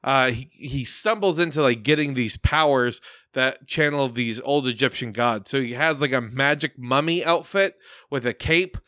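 A man's voice: medium pitch, moderate pace, sharp tone, dry recording, studio quality. A man in casual podcast chat, sardonic and profane, often laughing mid-sentence while reacting to trailers. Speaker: podcast co-host.

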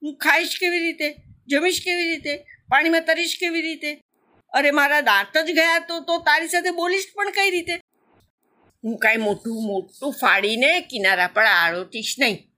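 A woman's voice: high-pitched, animated, normal speed, sharp tone, pitched above the performer's own voice. A woman doing a whiny little crocodile cub. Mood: fretful. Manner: pleading, fretful. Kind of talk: storybook narration.

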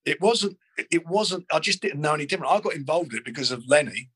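Older man, husky and close-miked, rambling guest recalling the past. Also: on the high side, animated, fast talker, a bit bright, dry recording, poor audio. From London. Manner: rambling, frequent restarts and fillers. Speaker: boxing promoter. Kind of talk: interview, reminiscing.

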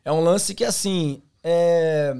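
Man, Brazilian accent, 30s, high voice, gravelly, animated slangy storytelling, podcast guest. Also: slow pace. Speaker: podcast guest, former bank teller. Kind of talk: casual chat.

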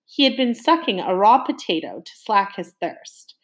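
Woman reading a storybook aloud. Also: medium pitch. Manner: lively, slows down for emphasis; addresses young listeners directly with questions. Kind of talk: expressive read-aloud of a novel.

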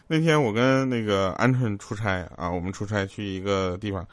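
A man's voice: fairly low pitch, moderate pace, very noisy. Chuckling male comedy radio host. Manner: chuckles often while telling jokes; quotes characters in raised, lively voices. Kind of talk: joke-telling comedy chat.

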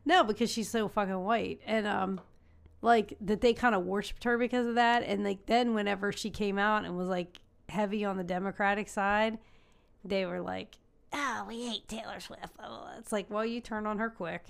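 A woman's voice: medium pitch, fairly even intonation, normal speed, vocal fry, clean tone. A woman co-hosting a podcast, chatting casually with many ums, explaining things at length. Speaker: podcast co-host. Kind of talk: casual chat.

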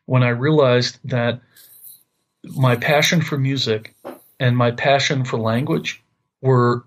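This Long Island man in his fifties has a New York accent and a medium-pitched voice. Appearing as an interview guest in casual conversation, he talks earnestly and tends to repeat words while searching for how to say things.

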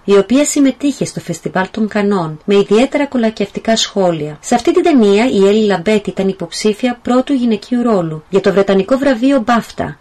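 A woman reading a steady, informative scripted narration as a podcast contributor. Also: medium pitch.

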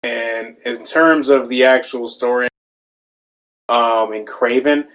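A man with an average-pitched voice co-hosts a relaxed gaming discussion. He speaks in everyday slang and often repeats a phrase to drive it home. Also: slow pace, rough recording. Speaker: podcast co-host. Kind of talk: casual gaming chat.

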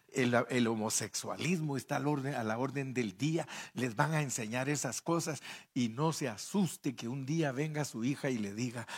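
A man preaching a fervent sermon in church, calling listeners brother and leading them into prayer. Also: mid-range voice. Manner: impassioned, addresses listeners as brother. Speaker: pastor.

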